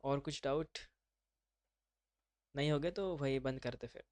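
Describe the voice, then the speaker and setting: A man runs a live online class, loose and informal, calling his students brother as he talks them through each step. His voice sits at a middle pitch with a dry, close sound from a computer mic. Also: measured pace, darkish tone, dry recording. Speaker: instructor.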